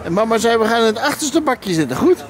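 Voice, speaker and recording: A man's voice: very high-pitched, very animated, fast. A man in his forties with a Netherlands Dutch accent, chatting casually as the father in a family vlog. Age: 40s. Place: busy amusement park. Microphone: off to the side of a handheld camera. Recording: loud crowd noise outdoors.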